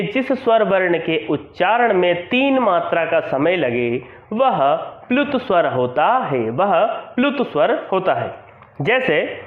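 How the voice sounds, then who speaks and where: High-pitched guy teaching grammar, keeps repeating terms, tinny echoey audio. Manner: explains step by step, repeating terms and asking questions then answering them. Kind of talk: classroom-style grammar lesson.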